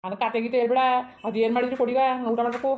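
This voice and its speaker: A woman's voice: fairly high pitch, flat delivery, phone-quality sound, a little hiss or hum, lightly acted. A woman voicing a drunk, abusive middle-aged village father who snarls threats, for a cartoon. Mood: angry. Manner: snarling threats, rapid scolding.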